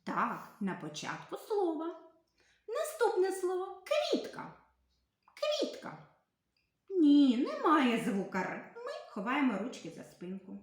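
A woman teacher giving a literacy lesson to young children, spelling out sounds slowly and asking questions she then answers herself. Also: sits high, huge pitch swings, very echoey, a little hiss or hum. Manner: slow, sing-song, carefully spelled-out sounds.

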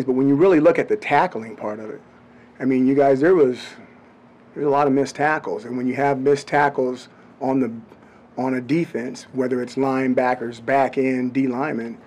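A middle-aged man, a head football coach, giving blunt, measured answers at a postgame press conference into table microphones. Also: medium pitch, a little mellow, a little hiss or hum. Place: press room before a branded backdrop.

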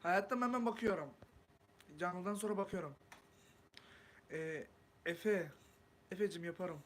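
Man from Turkey, live-stream host, slightly high voice, chatty, cooks while greeting viewers, faint background noise. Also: unhurried. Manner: chatty, greets viewers warmly and reads comments aloud; talks while cooking.

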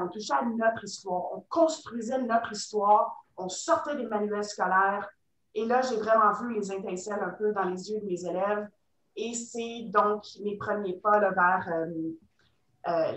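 A woman in her forties with a Canadian French accent, a teacher telling her path in a webinar, halting with many fillers. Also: mid-range voice, a little hiss or hum. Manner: hesitant, many fillers and restarts. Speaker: teacher guest. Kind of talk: webinar testimony. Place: home room. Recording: roomy sound, far from mic.

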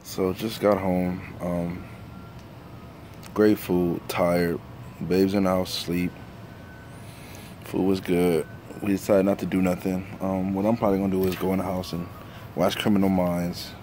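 A man's voice: deep voice, flat delivery, unhurried, long pauses, warm tone. Joking young man with hiccups, noisy. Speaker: vlogger. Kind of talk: casual vlog. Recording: noisy handheld camera audio.

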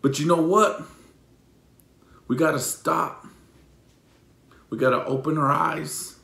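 Fired-up preacher guy, kinda high voice, keeps restarting, echoey room. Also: fairly even intonation, slow pace, vocal fry. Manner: emotional, repetitive, stammering restarts; swings between loud preaching and hushed pleading. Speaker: pastor. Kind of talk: sermon.

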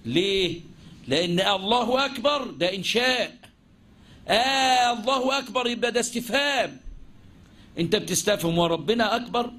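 Egyptian man, high for a man, religious lesson, rhetorical questions, lively. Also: brisk, a little hiss or hum. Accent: Egyptian Arabic. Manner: animated, poses and answers his own questions; mixes formal classical phrasing with colloquial speech. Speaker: Islamic jurisprudence teacher.

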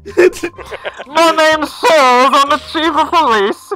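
A woman's voice: high voice, slow pace, bright, forceful tone, pitched above the performer's own voice, full character voice, poor audio. A woman voicing a bossy, dismissive video game police chief who commands and exclaims.

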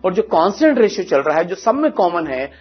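A man's voice: sits high, sing-song, brisk, slightly rough, lo-fi sound. A man teaching a math lesson for exam prep, walking students through each step and asking them to check and guess the answers.

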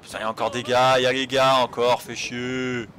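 A let's play host mumbles running self-talk while playing a video game, hesitating frequently as he comments casually. His mid-range voice is brisk and sharp-toned, with a flat delivery.

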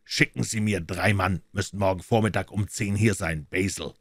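A man voicing a calm, superior male detective who speaks in a measured, lecturing tone in a storybook reading. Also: sits low, no room sound, studio quality. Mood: dictating.

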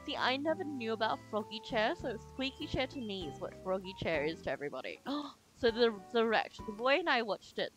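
Girl gaming stream, chatty and giggly, bouncy pitch, soft game music behind. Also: sing-song, a little fast, hardly any pauses, low-quality recording. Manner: chatty and giggly, talking to chat while playing. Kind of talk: casual gameplay chat.

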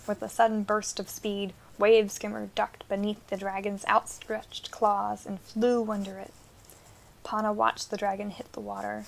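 A woman narrating an audiobook fantasy story in a steady, measured storytelling manner. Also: medium pitch, gravelly.

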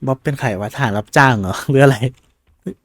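A man giving casual, excitable gameplay commentary, swearing casually and exclaiming often. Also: medium pitch, fast talker, no room sound. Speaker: gaming video creator. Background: faint game soundtrack.

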